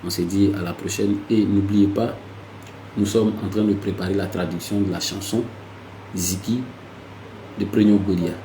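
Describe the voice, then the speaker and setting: A man hosting a casual language lesson, lively and repetitive, with playful asides. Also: deep voice, normal speed, pauses often, reverberant, background noise. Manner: lively, repeats words, slips into playful asides. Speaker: language teacher hosting a segment.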